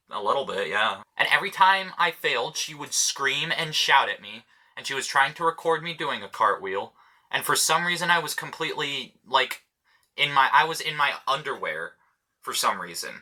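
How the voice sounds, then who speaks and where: A man's voice: mid-range voice, pushed and bright. A young man telling stories in a casual vlog, blunt and rambling, swearing often. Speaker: vlogger.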